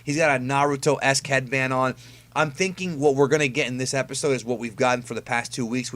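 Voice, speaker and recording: A YouTube host gives casual fan commentary on an anime episode preview, speaking conversationally and leaning on key words. His voice is medium-pitched and a bit bright.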